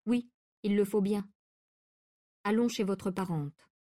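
A woman's voice: mid-range voice, slow pace, warm tone, lightly acted. Brief: a composed, confident physician giving orders, voiced by a woman reader, storybook reading. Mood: commanding. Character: calm, confident male doctor giving hypnotic orders.

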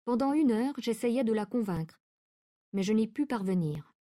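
Brief: woman audiobook narrator, measured and expressive, warm tone. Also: on the high side. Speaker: audiobook reader. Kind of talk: literary narration.

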